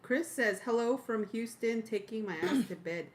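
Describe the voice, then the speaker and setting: A woman's voice: a little high, normal speed. A woman chatting casually as co-host of a live stream. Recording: clearly noisy, with room ambience.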